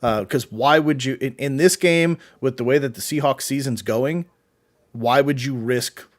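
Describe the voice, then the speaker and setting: A man's voice: medium pitch, normal speed. A man co-hosting a fantasy football show in a loose, casual chat. He answers viewer questions with plenty of fillers and restarts, sounding easygoing and unscripted. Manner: rambling, many fillers and restarts.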